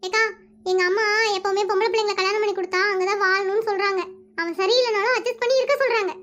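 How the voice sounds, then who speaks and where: A performer voicing an unhappy but resolute young wife in an animated comedy, pleading and calling the other woman "akka". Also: very high-pitched, racing, muffled recording.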